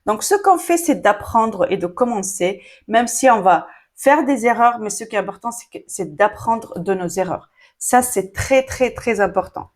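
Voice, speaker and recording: A woman whose first language is Arabic, an online business coach, gives casual advice straight to camera. Her mid-range voice has lively intonation and a moderate pace with few pauses. She's chatty, full of fillers and asides, and speaks directly to her viewers.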